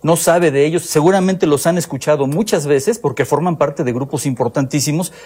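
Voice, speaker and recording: A man's voice: a little high, a little fast, darkish tone, husky. A man, a music journalist, speaking on a radio interview in an enthusiastic, explanatory way.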